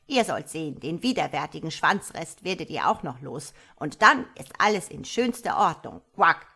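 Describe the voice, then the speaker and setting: A woman voicing a fussy old mother frog who scolds loudly and croaks "quack" between words. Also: low-pitched, very animated, moderate pace, exaggerated voice. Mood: pleading.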